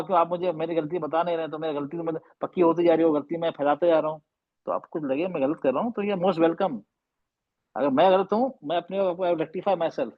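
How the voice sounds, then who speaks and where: A man's voice: a little high, no room sound, dull audio. A man teaching Arabic letter sounds in an online class, patiently repeating and drilling sounds, slipping English phrases into his talk. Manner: mixes English phrases into Hindi. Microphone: video call microphone.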